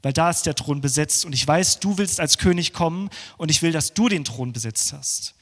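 A man delivers a sermon, his voice sitting a little high for a man. He builds into fervent passages, then drops low and hushed as if praying. A long reverb from the church hall trails after his words. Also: normal speed. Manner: swings between rising fervent passages and hushed, low prayerful ones. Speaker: preacher.

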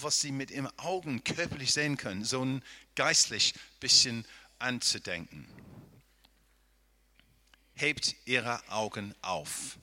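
A man's voice: medium pitch, pushed and bright. A man preaching a Bible-teaching sermon, often asking the listeners rhetorical questions and checking in with "ja?" as he thinks aloud. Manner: thinks aloud, with restarts and hedging.

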